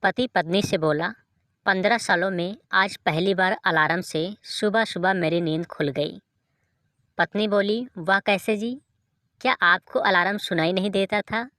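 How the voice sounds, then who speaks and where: A woman reading short jokes aloud in an even storytelling delivery, as a dry close voice-over. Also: mid-range voice, normal speed, no room sound. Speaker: joke reader.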